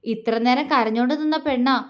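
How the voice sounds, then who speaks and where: A woman's voice: high voice, normal speed. A woman reading a romantic audio story aloud as a storyteller, voicing the lovers' lines herself. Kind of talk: scripted story narration.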